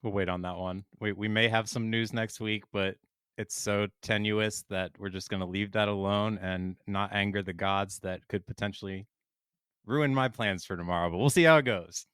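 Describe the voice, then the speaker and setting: A man's voice: fairly low pitch, fairly even intonation, moderate pace, fairly bright tone, clean tone, dry recording. A man co-hosting a podcast in casual, upbeat chat, with small stumbles and repeated words. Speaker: podcast co-host.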